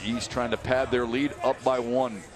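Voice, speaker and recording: A male play-by-play announcer with a mid-range voice calls a live football broadcast. He keeps an even, informative pace between snaps and lifts into excited calls when a big play breaks. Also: medium pitch, crowd noise. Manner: measured, rising to excited calls on big plays.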